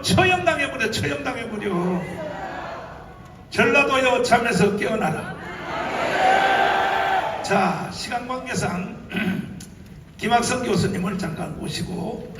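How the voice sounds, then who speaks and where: A man with a very high, lively voice delivers a fiery rally speech, firing rhetorical questions at the crowd. He is heard from far off through a public address system. The big hall rings with a long echo and steady noise. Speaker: pastor addressing a political rally. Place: large convention hall. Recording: echoey hall from far off, noisy.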